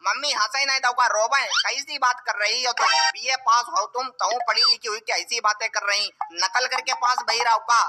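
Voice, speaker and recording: A man's voice: very high-pitched, fairly even intonation, moderate pace, hardly any pauses. A man voicing a mischievous, cheeky young son in a comedy cartoon, with a teasing manner. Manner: teasing, rustic cheeky talk. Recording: cartoon dub over clear music.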